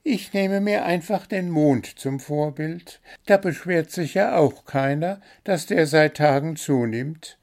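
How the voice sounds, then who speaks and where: A man's voice: fairly high pitch, slow, gravelly, few pauses, darkish tone, pitched above the performer's own voice. A man voicing a cheeky, greedy little blue male bird that pesters for sweets. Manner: demanding, sweet-toothed, pestering.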